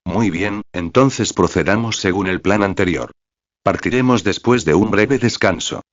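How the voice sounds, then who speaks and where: A man reading the lines of an authoritative expedition commander, brisk and commanding. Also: fairly low pitch, dry recording, lo-fi sound, natural voice.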